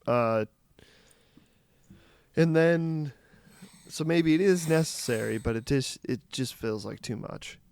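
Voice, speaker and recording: A young man co-hosting a casual movie review chat, talking in halting, filler-heavy bursts that trail off. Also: medium pitch, vocal fry, a little mellow, no room sound. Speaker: podcast co-host.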